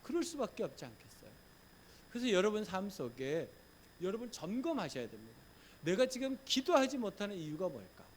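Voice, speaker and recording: Male pastor, middle-aged, Sunday sermon, animated pitch, loud urging then soft hushed lines, faint background hum. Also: a little fast. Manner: lively preaching, swinging from loud urging to soft murmured reassurance; acts out gentle quoted lines in a hushed voice. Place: church sanctuary.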